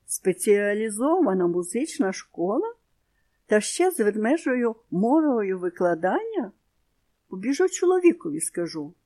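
A woman voicing a fussy, anxious mother hare in a children's storybook, with a high, flustered, pleading manner. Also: sing-song, a little slow, warm tone. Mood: surprised.

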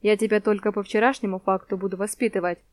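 A woman's voice: mid-range voice, fairly even intonation, racing, dry recording, natural voice. A woman voicing a swaggering teenage male street thug who taunts in crude slang, in a storybook reading. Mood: mocking.

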